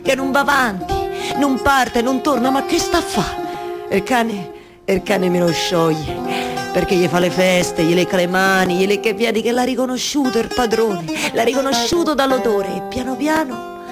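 A woman playing Penelope, a weary, anxious wife yearning for her husband, in a theatrical radio monologue with halting, repeated phrases. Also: on the high side, lightly acted. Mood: feverish hope. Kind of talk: theatrical radio monologue over live music. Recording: live guitar music behind the voice. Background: plucked guitar music.

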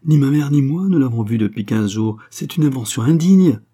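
An impassioned young woman pleads her love in a storybook reading, as a man puts on a raised, husky voice. The tone is mellow and dark underneath the lifted pitch. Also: moderate pace. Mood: indignant. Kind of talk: audiobook character reading.

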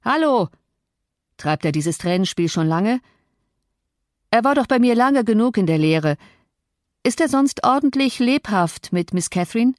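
A woman's voice: fairly high pitch, lively intonation, measured pace, pauses often, no room sound, studio quality, voice pushed up. Woman reading as a cruel, taunting master of the house. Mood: commanding. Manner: cold, taunting, commanding. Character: menacing brooding male landowner, cruel and sarcastic. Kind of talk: audiobook reading.

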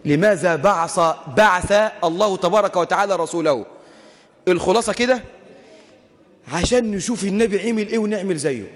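Brief: impassioned Egyptian preacher, man, very high voice, long echo of a hall. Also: brisk. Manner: impassioned, rising to shouts, rhetorical questions. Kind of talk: sermon.

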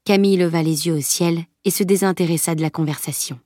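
Low-voiced woman reading a story aloud. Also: fast, dry recording, studio quality. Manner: steady storytelling. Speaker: audiobook narrator. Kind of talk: scripted narration.

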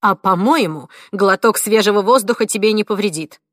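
A woman's voice: medium pitch, normal speed, fairly bright tone, dry recording, clean studio sound, natural voice. Woman voicing an exasperated grown son. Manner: firm, pleading, strained. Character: exasperated middle-aged son, restrained but pleading.

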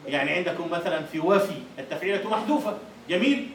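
A man's voice: high-pitched, lively intonation, quick pace, noisy background. A man with an Egyptian accent giving a university lecture on Arabic prosody, quizzing his students and repeating their answers. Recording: echoey lecture hall, far from the mic.

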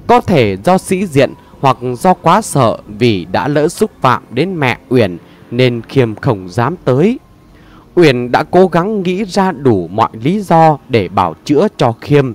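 A male narrator reads a dramatic story with a lively, widely moving pitch. His voice sits in a middle register and carries the storytelling with steady, expressive care. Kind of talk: audiobook narration.

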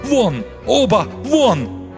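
A man acting out a distraught provincial doctor, shouting high and trembling, on the edge of tears. His voice jumps wildly in pitch and rings out with a long echo. Faint music sits under the audiobook reading. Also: animated, normal speed. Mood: furious. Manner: shouting, trembling, tearful outbursts. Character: distraught male provincial doctor, furious and despairing.

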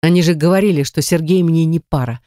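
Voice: medium pitch, fast, warm tone, dry recording. Brash first-person audiobook narrator, dry close sound. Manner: brash, crude, sardonic first-person telling.

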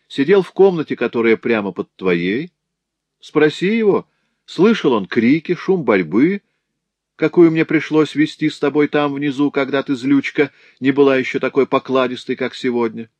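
A man's voice: mid-range voice, lively intonation, normal speed, a little mellow, no room sound, pitched above the performer's own voice, natural voice. A man reading a story aloud, voicing a lecherous male master who mocks and threatens a young woman. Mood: sneering menace. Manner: sneering, taunting.

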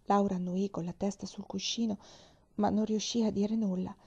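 A woman narrating a children's novel aloud, expressive and sometimes dropping to a whisper. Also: medium pitch, moderate pace, breathy edge, highs cut off. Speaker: reader. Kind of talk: audiobook narration.

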